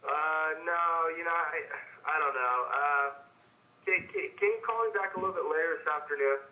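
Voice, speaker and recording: A man's voice: on the high side, moderate pace. Hesitant man heard over a speakerphone. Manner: hesitant, stammering, guarded. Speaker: homeowner taking a sales call. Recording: dull phone line on speakerphone.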